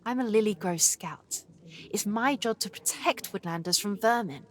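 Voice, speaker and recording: A woman's voice: mid-range voice, lively intonation, normal speed, lightly acted. A woman playing a brave young mouse scout. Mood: encouraging. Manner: encouraging and earnest. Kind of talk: video game voice acting.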